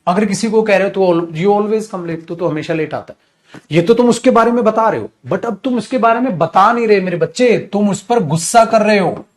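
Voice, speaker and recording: A man's voice: high voice, fairly quick. A man teaching an English grammar class in Hindi, calling students "beta" and acting out angry scolding examples. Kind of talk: live online grammar class.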